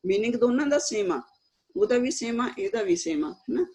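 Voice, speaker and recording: Husky-voiced woman teaching scripture pronunciation. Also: a little high, lively intonation, dark tone. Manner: slow, deliberate demonstrations of each word; checks in with frequent tag questions. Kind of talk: religious pronunciation lesson.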